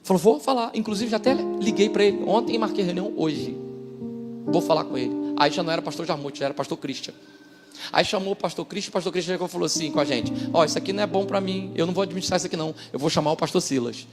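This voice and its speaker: A man with a high-pitched voice gives an animated testimony from the pulpit. He acts out dialogue and jumps between loud outbursts and quiet asides. His voice rings through a church hall with a long echo while music plays underneath. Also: racing. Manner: animated, dramatic storytelling with voiced quotes. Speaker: pastor. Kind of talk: testimony sermon.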